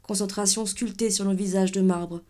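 Woman, mellow-toned literary reader; measured, intense, clipped phrasing. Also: medium pitch, steady tone. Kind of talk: dramatic literary reading.

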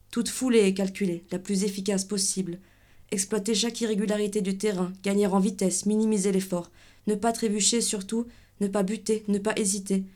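A woman giving a dramatic literary reading, with an intense, measured delivery in short clipped phrases. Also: medium pitch, a little mellow.

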